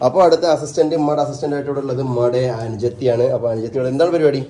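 Guy rambling to the camera in his family vlog, talks fast, teases his mom. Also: mid-range voice, fairly even intonation, warm tone. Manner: chatty, rambling, addresses viewers directly; teasing with family. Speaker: vlogger. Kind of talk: casual vlog narration to viewers.

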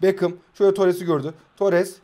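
A man in his twenties speaking with a Turkish accent, commentating his own mobile football match live, excitable and talking to himself, with sudden swings from quiet muttering to loud outbursts. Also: high voice, fast talker. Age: 20s. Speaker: mobile football gamer and streamer.

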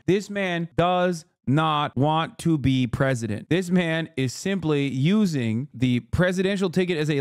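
A man in his thirties talks over a live stream, his voice a touch high and his delivery brash, sarcastic and full of profanity. He sits right up on a studio microphone, so the sound is close and dry, with no room echo around it. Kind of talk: casual live-stream commentary. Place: small room full of shelves and collectibles. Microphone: large studio mic close in front.

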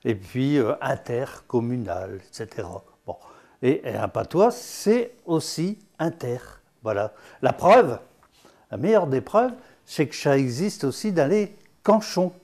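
A man's voice: mid-range voice, animated, unhurried, darkish tone. An older man giving a chatty, teasing dialect lesson full of asides. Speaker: patois teacher.

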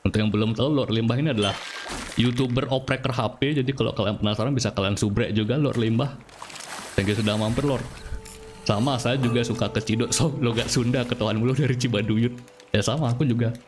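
A man's voice: medium pitch, steady tone, fast, music in the background. A man from Bali with a Balinese accent, chatting casually on a live stream, answering viewers while he plays and laughing often. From Bali, Indonesia.

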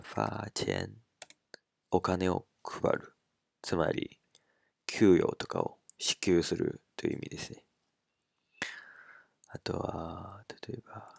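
A man teaching a language lesson in a relaxed spoken style, working slowly and carefully through pronunciation drills. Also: low-pitched, vocal fry, no room sound, clean studio sound.

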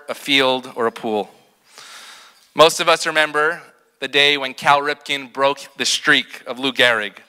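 A middle-aged man, a rabbi, giving a prepared ceremony speech at a podium, telling stories with slowed, emphatic pauses. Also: medium pitch, pushed and bright, clean tone. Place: large hall with balloon decor. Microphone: podium microphone. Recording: long hall reverb.

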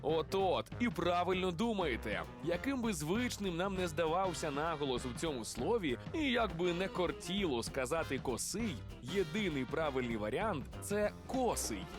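A man working as a TV street reporter, playfully quizzing people in a lively voice-over. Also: a little high, normal speed, hardly any pauses, music in the background. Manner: playful, teasing quizmaster.

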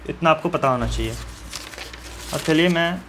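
A man's voice: fairly high pitch, normal speed, fairly bright tone, slight background noise. A man teaching students step by step how to fill in a map, in a friendly and reassuring way, often asking viewers questions. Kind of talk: map-filling lesson for school students.

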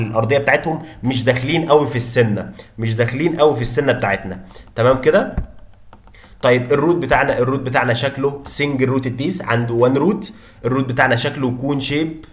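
Rapid-fire Egyptian man tutoring dental anatomy. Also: mid-range voice. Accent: Egyptian Arabic. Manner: repeats points, quizzes listeners with rhetorical questions. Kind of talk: fast teaching lecture.

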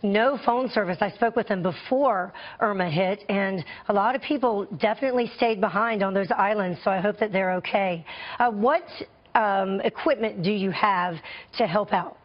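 An American woman in her thirties anchoring breaking news from a TV studio, speaking in a brisk news delivery. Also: mid-range voice, dull audio.

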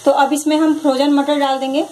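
A woman hosting her own cooking channel, calmly walking through a recipe step by step in her home kitchen. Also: high-pitched, fairly quick, background noise. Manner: calm, instructive, repeats each step. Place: home kitchen, over frying sounds.

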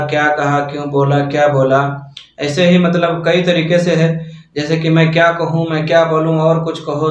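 A man giving a casual language lesson, repeating phrases slowly for his learners. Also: on the high side. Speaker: Arabic teacher. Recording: echoey, distant, dull mic.

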